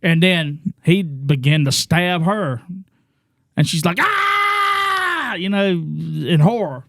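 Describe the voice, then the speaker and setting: A man's voice: on the high side, slow pace, gravelly, shouting, background noise. A man co-hosting a casual true-crime chat over drinks, telling the story with animation and teasing his friends. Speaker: podcast co-host.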